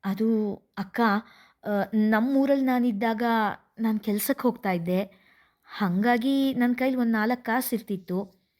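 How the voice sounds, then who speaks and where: A woman voicing a meek middle-aged mother who speaks haltingly and pleads. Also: a little high, a little mellow, natural voice. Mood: hesitant.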